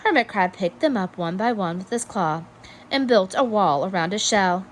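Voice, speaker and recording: A woman reading a children's story aloud in an expressive, measured storytelling manner. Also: medium pitch, a little hiss or hum. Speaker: storybook reader. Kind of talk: children's read-aloud narration.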